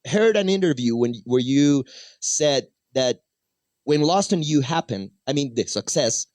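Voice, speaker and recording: A man's voice: medium pitch, expressive, measured pace, darkish tone, no echo. A man hosts a radio interview from a studio booth. His voice sits in a middle range and sounds dry and close. He asks long, rambling questions, restarting and repeating words as he goes. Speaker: radio host.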